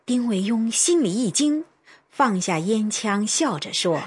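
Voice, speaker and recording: A woman narrating a story in a measured, expressive way. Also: on the high side, slight background noise.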